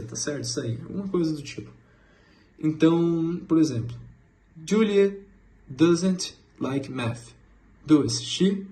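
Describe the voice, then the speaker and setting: A man's voice: fairly high pitch, warm tone, a little hiss or hum. A man explaining English grammar in a loose, searching way, with many restarts. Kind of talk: explaining grammar in a class presentation.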